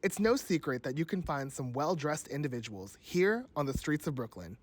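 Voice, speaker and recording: Male feature narrator; fairly high, very lively voice, dry close voice-over, upbeat scripted read. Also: moderate pace, no room sound. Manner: upbeat, promotional tone. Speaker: video reporter and narrator.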